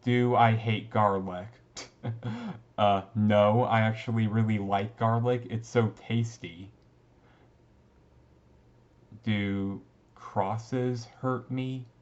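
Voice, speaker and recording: For an ASMR roleplay, a male actor plays a brooding but easygoing teenage vampire classmate who is secretly thirty-seven. His casual, intimate talk comes low, slow and halting in a steady tone, with an amused, mildly resigned, conversational mood, and the recording is slightly muffled.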